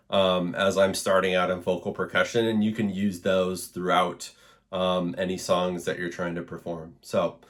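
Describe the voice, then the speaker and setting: A man teaching an introductory vocal percussion lesson in an encouraging, relaxed way, with frequent fillers. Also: sits low. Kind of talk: instructional video lesson.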